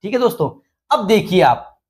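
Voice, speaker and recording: A man teaching English grammar online, explaining slowly and repeating key points into a microphone indoors. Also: high voice, big pitch swings, a little mellow. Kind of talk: online grammar lesson in Hindi. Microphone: desk microphone indoors.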